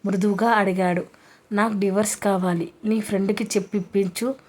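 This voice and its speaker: A woman's voice: mid-range voice, steady tone, a little fast, a little mellow. Woman storyteller, mid-range voice, reads a romance and speaks all the roles herself. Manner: reads all the characters' lines in her own voice.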